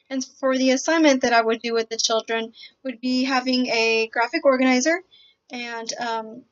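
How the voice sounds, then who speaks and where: A woman giving a picture book summary in a hesitant, halting way, often pausing mid-sentence. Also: fairly high pitch. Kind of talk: semi-scripted picture book summary presentation. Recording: dull, lo-fi audio.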